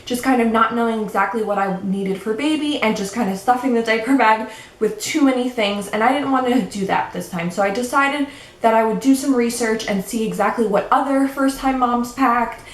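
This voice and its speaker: A young woman vlogs from home in a slightly high voice at a moderate pace, chatty and a bit breathless as she walks through things step by step. It's a casual show-and-tell, recorded in an echoey room with faint background noise.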